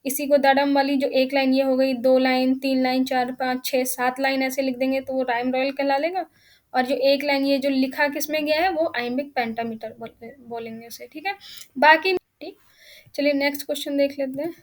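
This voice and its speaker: High-voiced Indian woman teaching. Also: flat delivery, darkish tone. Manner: explains step by step, reads English questions slowly. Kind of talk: exam-prep lecture.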